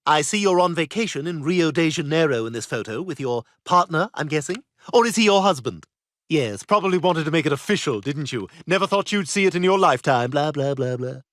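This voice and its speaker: A man's voice: fairly high pitch, animated, brisk, a bit bright, dry recording. An actor voicing a snobbish, catty British baby boy in a cartoon, talking in a posh, cutting, theatrical way. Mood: probing. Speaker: patient. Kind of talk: cartoon voice acting.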